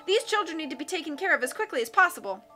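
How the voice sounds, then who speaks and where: A woman's voice: sits high, very animated, racing, sharp tone, soft background music, voice pushed up, full character voice. A woman voicing an impatient, stern townswoman in a storybook reading.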